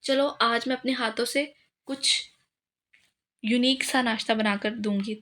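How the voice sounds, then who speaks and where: A gentle, affectionate young wife, shy with her husband, from an audiobook romance, read by a woman. The voice is bright and fairly high, in the reader's own everyday tone. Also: steady tone, unhurried.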